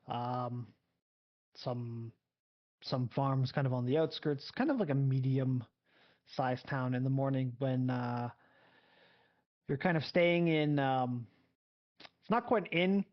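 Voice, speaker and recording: A man running a tabletop game as game master, narrating loosely with many fillers. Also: mid-range voice. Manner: rambling, full of fillers and restarts. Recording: dull lo-fi audio.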